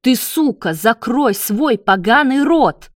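A woman's voice: on the high side, expressive, unhurried, no echo, clean studio sound. A woman voicing a desperate young man in a spoken story, pleading and lashing out. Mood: furious. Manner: pleading, hissing.

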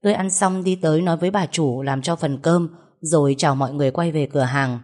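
Female narrator, young adult, low voice, steady first-person story read. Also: quick pace.

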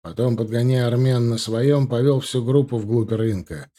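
A man narrating a first-person audiobook with steady storytelling. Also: mid-range voice, normal speed.

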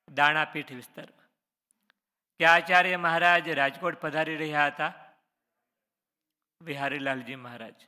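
A man's voice: fairly high pitch, pushed and bright. Man, scripture quiz review, questions then answers, echoing hall. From Gujarat, India. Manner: reads a question then answers it, adding short explanations. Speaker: religious teacher.

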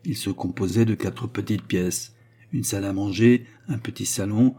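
Low, husky male audiobook narrator. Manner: measured, even reading of a novel. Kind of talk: scripted narration.

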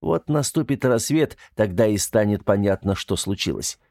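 A man reading an audiobook in a measured storytelling manner. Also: fairly low pitch, expressive, darkish tone, dry recording, studio quality. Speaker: narrator. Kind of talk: audiobook narration.

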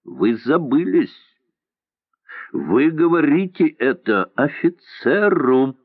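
A haughty young cavalry officer speaks with cold disdain in a low voice, as a male reader plays him. The audio is narrow and phone-like. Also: very animated, slow pace, no room sound, exaggerated voice. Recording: dry tinny lo-fi sound.

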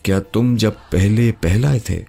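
A man's voice: fairly low pitch, big pitch swings, a little mellow, faint music behind, voice pushed up. A man doing an insistent young woman. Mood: eager. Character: young woman, pushy and affectionate.

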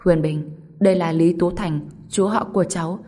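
A woman's voice: on the low side, fairly even intonation, normal speed, lightly acted. A woman narrator voicing a cautious, yielding middle-aged uncle in an audiobook story. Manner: soft, cautious. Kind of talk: audiobook character voice.

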